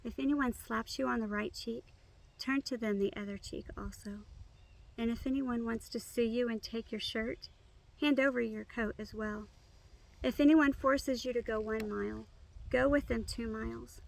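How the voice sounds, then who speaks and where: A woman reciting memorized scripture by rote, in measured, complete phrases. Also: on the high side, steady tone, creaky, poor audio.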